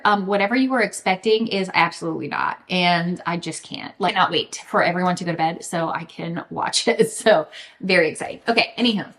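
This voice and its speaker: A woman with a mid-range voice chats casually to camera as a book vlogger. Her delivery is emphatic, animated and informal, and she has a self-deprecating sense of humour.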